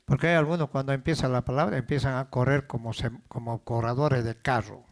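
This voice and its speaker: A man's voice: medium pitch, fairly even intonation, brisk. A man preaching a sermon as pastor of a church, repeating words as he builds up and calling out questions to the congregation.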